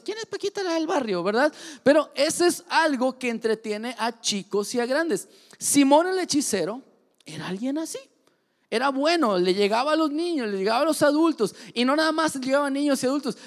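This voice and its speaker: A high-voiced man with a Mexican accent preaches to a congregation, joking and acting out small scenes in different voices. He sounds like he is in his thirties. His voice rings with long reverb through a large church hall. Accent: Mexican Spanish. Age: 30s. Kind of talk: lively sermon.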